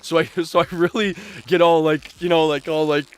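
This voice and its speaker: A man's voice: on the high side, level tone, normal speed, clean tone. A boisterous, chatty man from Canada hosting a casual livestream, talking with his viewers. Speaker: live game streamer and host. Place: small backyard shed used as a streaming room.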